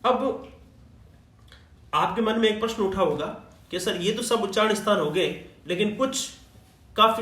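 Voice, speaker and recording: Male grammar teacher, high-pitched, patient and repetitive delivery, recorded off-mic in an echoey room. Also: pushed and bright, far from the mic. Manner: explains patiently, repeats sounds, asks "right?" often. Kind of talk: classroom-style lecture.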